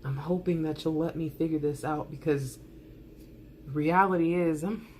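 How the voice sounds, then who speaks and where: A woman with a fairly low voice reads love messages in a soft ASMR style. Her delivery is intimate and earnest, shaped by dramatic pauses. Some ambient noise sits behind her voice. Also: fairly even intonation. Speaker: tarot reader reading out love messages. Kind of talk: soft ASMR love letter reading, spoken as the absent partner.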